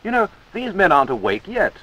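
A British man with a fairly high, sharp voice narrates a 1940s army instructional film, his pitch swooping wildly with great animation. He talks a little fast, and his scripted commentary is wry and chummy. It plays through an old, lo-fi film soundtrack.

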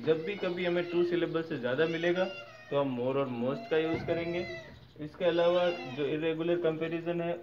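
Man teaching English grammar, dull recording. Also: a little high. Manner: checks in with viewers often; spells out word endings letter by letter. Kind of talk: explaining grammar lesson. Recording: slightly dull recording with faint noise.

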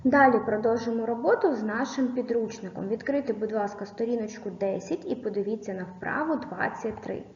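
A woman's voice: a little high, fairly quick, hardly any pauses. A woman teaching a recorded lesson to young pupils, patiently dictating and spelling out sounds and syllables. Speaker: primary school teacher. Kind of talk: recorded video lesson for children. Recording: echoey room, dull lo-fi sound.

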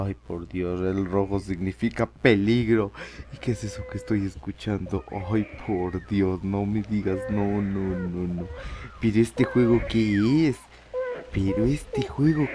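A man's voice: on the low side, measured pace. A man playing a horror video game at home at night, nervous and jumpy, laughing from nerves and repeating his words. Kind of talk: nervous let's-play commentary.

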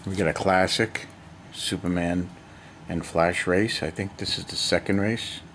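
A man's voice: low-pitched, steady tone, unhurried, a bit bright. An older man in a cluttered basement, chatting casually as he lists one item after another, recorded on a handheld camera mic. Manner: rambling, chatty, listing items one by one. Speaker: collector showing his hoard. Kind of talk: casual unboxing vlog. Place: cluttered basement storage room. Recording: noisy home camera audio.

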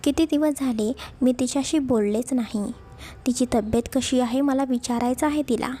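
A woman's voice: sits high, moderate pace, warm tone, faint music behind. A woman voicing a worried middle-aged mother who pleads and scolds in a storybook reading.

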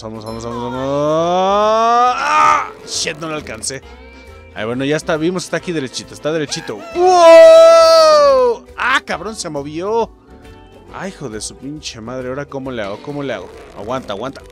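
Excitable Mexican gamer yelling at the game. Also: male voice, on the high side, fast, faint music behind. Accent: Mexican Spanish. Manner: excitable, swears and yells at the game. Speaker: gamer host. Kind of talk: let's play commentary.

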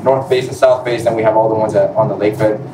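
On a panel in a large indoor room, a man in his 20s from Puerto Rico and Florida talks off the cuff and politely about being an airman working air traffic control in the Air Force. He speaks quickly in a lowish voice with fairly even intonation, seated on stage, with a distant mic, roomy echo and a noisy room.

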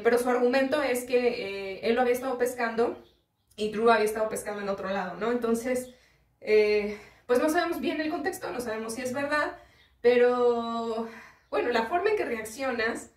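A woman's voice: a little high, moderate pace. Chatty Mexican woman, roomy distant sound. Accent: Mexican Spanish. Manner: chatty, explanatory, frequent filler "este" and "¿no?". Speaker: fishing channel host. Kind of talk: casual commentary on a video clip. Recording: roomy echo, voice set back from the mic.

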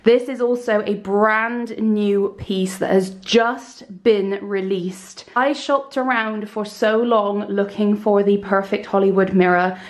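A woman in her twenties from the UK, chatting enthusiastically on camera as she shows off her room, recorded on a handheld camera in a small bright room. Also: medium pitch, steady tone, slow pace, few pauses. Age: 20s. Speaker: beauty YouTuber. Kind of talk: casual room tour vlog.

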